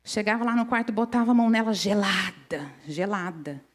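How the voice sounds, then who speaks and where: A woman's voice: medium pitch, expressive, brisk. A middle-aged woman preaching a sermon in a church, telling personal stories in a conversational way and often checking in with the congregation. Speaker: preacher at a women's service.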